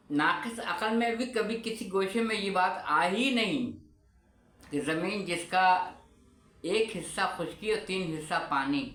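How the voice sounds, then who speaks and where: A man giving a religious lecture in a measured, explanatory way, pausing on key terms. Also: fairly high pitch, a bit bright. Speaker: religious speaker. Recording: echoey room with faint ambience.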